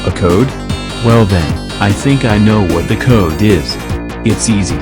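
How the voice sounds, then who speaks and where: A man's voice: on the low side, unhurried, loud music behind the voice, close to an everyday voice. A man voicing a defiant, impatient computer user who mocks a virus in a comedy skit. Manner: mocking, stubborn, theatrical.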